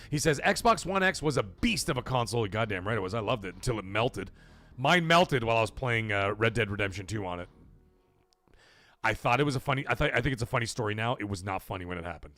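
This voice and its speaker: A man hosting a gaming livestream reads super chats aloud and offers emphatic, profane opinions, getting loud for donation shout-outs. His voice sits on the low side and is expressive and fast.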